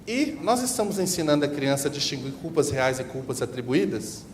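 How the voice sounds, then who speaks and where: A man giving a church seminar talk, animated and preaching, on a PA microphone. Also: on the high side, brisk. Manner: animated, preaching, with acted examples. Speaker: seminar speaker. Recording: reverberant hall, faint noise.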